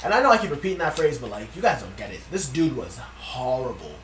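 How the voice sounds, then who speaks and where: A man's voice: medium pitch, big pitch swings, fast, a bit bright, faint music behind. A man telling a story in a casual, profane, ranting vlog. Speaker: vlogger. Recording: echoey room from a distance.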